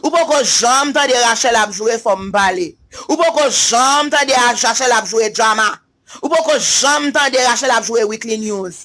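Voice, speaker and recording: High bright-voiced Haitian man ranting. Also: normal speed. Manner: emphatic and repetitive, slipping into sing-song chants. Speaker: social media commentator. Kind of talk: opinion rant to camera.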